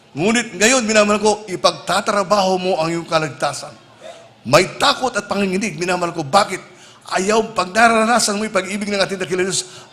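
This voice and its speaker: High-voiced man preaching a sermon. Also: bright, forceful tone. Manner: calls the listeners "minamahal ko" (beloved) over and over; mixes English phrases into his preaching.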